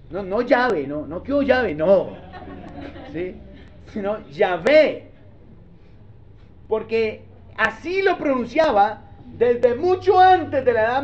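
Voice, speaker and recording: A pastor teaches his congregation in a very high voice. He keeps stopping to ask whether they follow. The recording sounds dull and lo-fi. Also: a little mellow. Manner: conversational, keeps checking in with the congregation. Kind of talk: teaching sermon.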